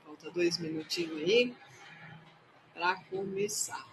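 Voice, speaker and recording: A woman's voice: lowish voice, slow, slight background noise, low-quality recording. A woman hosting a casual live stream as a tarot reader, playful and chatty as she greets her viewers one by one.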